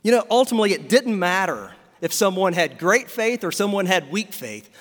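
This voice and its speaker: A man with a high voice preaches a sermon from the pulpit, asking questions of his congregation. His words ring out with the long reverb of a church hall. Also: expressive, brisk, fairly bright tone. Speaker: pastor.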